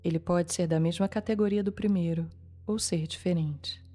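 A Brazilian woman leading a guided meditation in a calm, soothing manner, leaving long pauses between short phrases. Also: fairly low pitch. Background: soft music.

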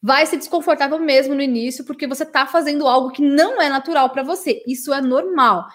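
Chatty high-voiced woman teaching English. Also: a little fast. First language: Portuguese. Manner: chatty and warm with her audience, many "né?" tags. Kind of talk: live-streamed English lesson, chatting with viewers.

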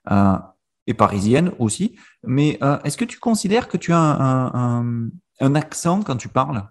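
A male host leads a relaxed conversation in a middle-pitched voice. He stammers and repeats small words as he shapes his questions. His talk is loose and conversational. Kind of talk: casual conversation.

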